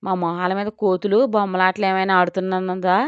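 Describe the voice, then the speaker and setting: A woman voicing Janu, a fierce sharp-tongued young woman. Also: medium pitch, flat delivery, brisk, smooth, no echo, close to an everyday voice. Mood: snappy. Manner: snappy, scolding. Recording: dull, dry.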